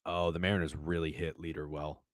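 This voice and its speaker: A man co-hosting a sports betting podcast in casual chat, excitable, swearing freely and tripping over his words. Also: extremely low pitch, brisk, dry recording, studio quality.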